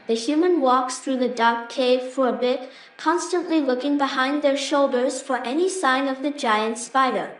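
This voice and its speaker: A woman's voice: high-pitched, moderate pace, distant mic. A woman reading scripted narration for a fantasy story as the narrator. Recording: roomy echo, faint background noise.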